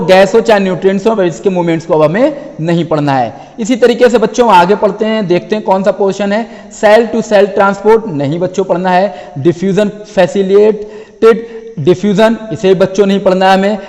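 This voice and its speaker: High-voiced male teacher in a reverberant hall. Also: darkish tone. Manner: addresses students as children, repeats phrases; reads English topic names slowly from a list. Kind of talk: exam syllabus lesson.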